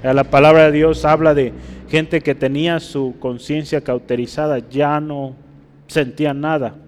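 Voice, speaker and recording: A man's voice: a little high, flat delivery, unhurried, long reverb tail. Man preaching a teaching sermon. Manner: teaching, rhetorical questions, asks listeners for agreement; writes on a board while speaking.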